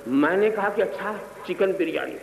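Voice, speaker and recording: A man preaching a sermon, telling humorous anecdotes and building to impassioned, shouted exhortations. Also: sits high, animated, vocal fry, echoey room, a crowd in the background, rough recording. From Gujarat, India. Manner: storytelling, rising to impassioned shouts.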